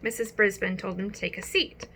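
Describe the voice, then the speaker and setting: A woman narrating a children's audiobook with expressive storytelling. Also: mid-range voice, fairly quick, slightly rough.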